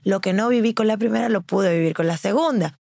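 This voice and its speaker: A woman casually telling a story in a lively way, acting out what others said. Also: mid-range voice, a little fast, creaky, no room sound, studio quality. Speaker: guest.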